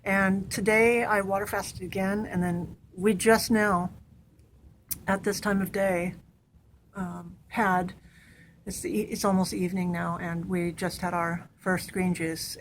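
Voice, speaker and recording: A woman's voice: mid-range voice, slight background noise. A young woman chatting casually in a home vlog, upbeat and rambling. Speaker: vlogger. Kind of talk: casual chat.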